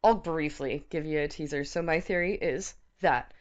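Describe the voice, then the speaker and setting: Dull-sounding, low-pitched woman chatting casually. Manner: rambling, halting, filler-heavy storytelling. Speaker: co-host of a challenge show. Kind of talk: casual chat.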